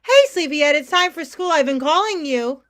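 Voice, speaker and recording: In a staged drama reading, a woman plays an anxious mother who coaxes, fusses, placates and pleads, gently nagging throughout. Her high voice is expressive, brisk and a bit bright.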